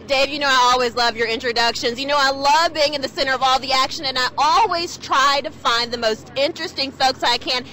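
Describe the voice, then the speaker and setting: A woman's voice: sits high, fairly even intonation, fairly quick, few pauses, pushed and bright, a little hiss or hum. A woman TV news reporter delivering stories and live reports on location, upbeat and chatty. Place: outdoors on location.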